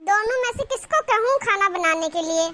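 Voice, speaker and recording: A woman's voice: very high-pitched, animated, moderate pace, pushed and bright, slight background noise, heavily acted. A woman voicing a nagging middle-aged mother-in-law in a cartoon, calling out and scolding her daughters-in-law.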